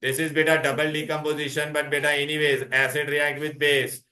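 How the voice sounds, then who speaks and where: A man's voice: fairly high pitch, level tone, fairly quick, sharp tone. A man with an Indian accent teaching an interactive chemistry revision class, mixing Hindi into English and prodding students with repeated questions.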